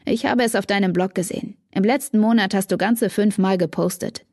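A woman's voice: mid-range voice, brisk, a little mellow, no echo, lightly acted. A woman voicing a cocky, teasing teenage boy in an audiobook, read with a dry, close sound. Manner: teasing, smug.

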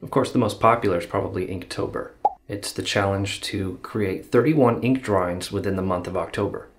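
Male illustrator, thirties, somewhat low voice, deadpan delivery of scripted host narration. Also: brisk, slight background noise. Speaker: host, illustrator and comic artist. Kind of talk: scripted video narration to camera.

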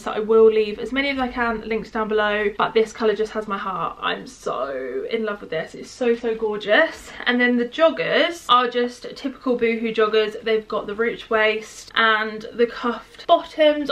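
Young woman vlogger, slightly high voice, gushing and informal, a bit out of breath. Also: fairly bright tone. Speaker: fashion vlogger. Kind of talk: casual try-on haul chat.

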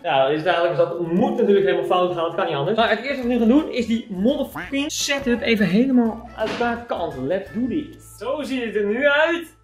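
Young male vlogger, quick and slangy, slightly high voice, echoey bare rooms. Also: animated, faint music behind. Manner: joking, boastful, slangy. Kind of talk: casual moving-day vlog. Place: empty house being moved out of and into.

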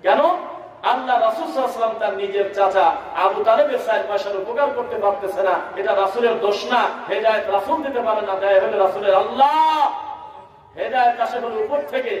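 A man with a Bangladeshi Bengali accent preaching to a crowd, asking them to answer back and chanting verses in a slow melodic recitation. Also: extremely high pitch, muffled recording. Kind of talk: sermon at a religious gathering. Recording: very echoey hall, speaker far from mic.

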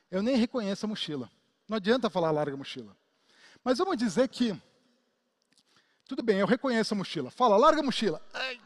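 A man with a Brazilian Portuguese accent teaching a class, animated, acting out examples and asking his listeners questions. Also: extremely high pitch, big-room sound. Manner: animated, acts out examples and asks the audience questions. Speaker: instructor. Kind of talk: lecture to a class.

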